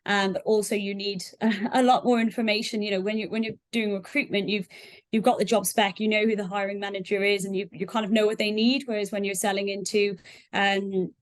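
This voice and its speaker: Speaking briskly in a level, medium-pitched voice, a woman who sells software is a guest in an interview. Her explanations are conversational, thoughtful and somewhat hedged.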